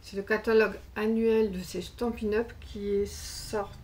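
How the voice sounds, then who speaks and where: A woman's voice: medium pitch, flat delivery, measured pace, a little mellow. Chatty woman vlogger, faint hiss. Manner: chatty and rambling, many fillers and self-corrections. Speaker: craft vlogger. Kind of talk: casual haul chat to camera.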